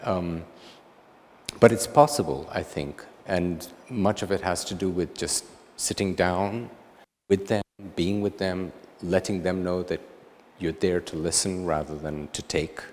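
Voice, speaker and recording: A middle-aged man from Tanzania with a low, deep voice answers audience questions after his lecture. He talks in a reflective, unhurried way, pausing on ums and restarting his sentences. The sound carries the long reverb of a lecture hall. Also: fairly even intonation, darkish tone, a little hiss or hum. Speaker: guest lecturer, photographer.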